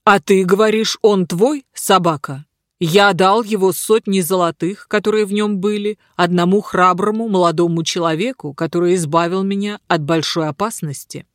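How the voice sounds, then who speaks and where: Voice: mid-range voice, fairly even intonation, moderate pace, no echo, close to an everyday voice. A scheming grand vizier, as a reader puts him on in an audiobook, declaring in an indignant, mock-offended tone. The sound is dry and close-miked. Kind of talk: audiobook reading.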